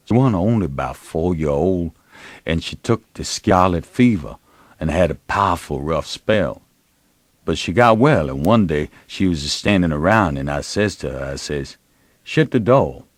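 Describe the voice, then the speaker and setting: A remorseful father pours out his grief, as a man reads him aloud in a drawling folksy dialect, his voice sinking low and then breaking out loud. The delivery rises and falls widely, and the sound is close and dry. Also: no echo. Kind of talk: dramatic reading of a novel.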